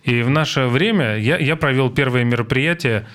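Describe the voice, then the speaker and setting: A man in his forties hosting a casual chat, telling stories and thinking aloud with many pauses. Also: medium pitch, a bit bright, smooth. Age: 40s. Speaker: podcast host.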